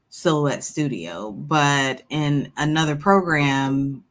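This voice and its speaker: A woman chatting casually and explaining things in an emphatic, instructive way as a panelist. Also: extremely low pitch. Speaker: crafting livestream panelist.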